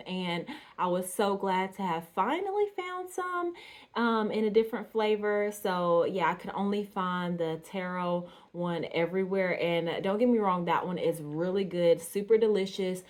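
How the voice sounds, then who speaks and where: Chatty woman with a lowish voice. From Georgia, USA. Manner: chatty, with many ums and soft laughs. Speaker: doll artist vlogger. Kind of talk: casual chat to camera.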